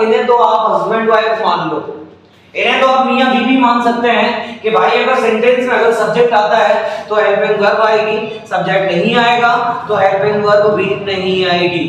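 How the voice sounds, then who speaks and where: A man's voice: sits high, moderate pace, a bit bright. A man teaching English grammar to a class, repeating questions back to his students to check they understand. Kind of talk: classroom lecture. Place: coaching classroom. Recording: echoey room, mic far off.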